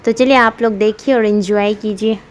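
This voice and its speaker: A woman's voice: mid-range voice, steady tone, moderate pace. A young woman narrating her family vlog in a chatty voice-over, rambling with many fillers and giggling often. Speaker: family vlogger, mother.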